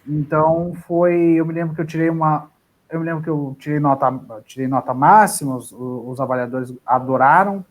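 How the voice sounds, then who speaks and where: An actor from southern Brazil chats casually about his career in a live interview, frequently restarting his sentences. His voice is fairly high-pitched and brisk.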